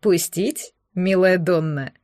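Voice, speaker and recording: A woman voicing a smug, cruel male sorcerer in an audiobook, speaking in a honeyed, sneering, deliberate way. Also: medium pitch, big pitch swings, no room sound, studio quality. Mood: menacing. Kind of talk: audiobook character voice.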